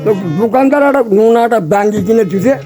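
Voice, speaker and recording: A man's voice: extremely high pitch, quick pace. An older man tells a folk tale in a rambling, repetitive grandpa manner. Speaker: folk storyteller. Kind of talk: animated oral folk tale telling. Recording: music playing behind the voice. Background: music.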